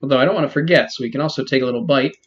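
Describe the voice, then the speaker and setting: A man giving relaxed, chatty commentary while playing a game, with many ums. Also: mid-range voice, racing, dull audio. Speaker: let's play host. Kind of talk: casual gameplay commentary.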